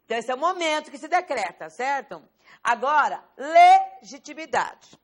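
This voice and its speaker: A woman's voice: high-pitched, very animated, fairly quick, a bit bright. A Brazilian Portuguese woman teaching a law class, quizzing students with rhetorical questions and stressing key words. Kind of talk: classroom lecture.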